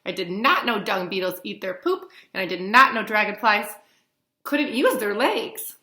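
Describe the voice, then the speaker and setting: This woman in her thirties has a medium-pitched, sharp-toned voice with big pitch swings, moving at a moderate pace. Teaching young children through a read-along lesson, she asks simple questions, stresses letter names and key words, and keeps her explanations basic. The small plain-walled indoor room gives her webcam audio an echoey, roomy quality.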